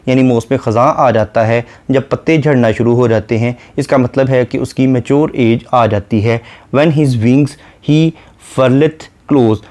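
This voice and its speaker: Male literature teacher with a mid-range voice who reads poetry slowly and then explains it step by step. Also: mid-range voice. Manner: reads verse lines slowly, then paraphrases and explains them; steady methodical listing. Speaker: literature lecturer. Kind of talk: explanatory lecture.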